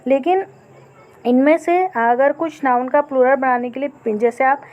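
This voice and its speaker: A woman teacher explaining grammar in a recorded lesson, often checking in with "okay" and reading example sentences slowly. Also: sits high, highs cut off. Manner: checks in with frequent "okay" and "theek hai".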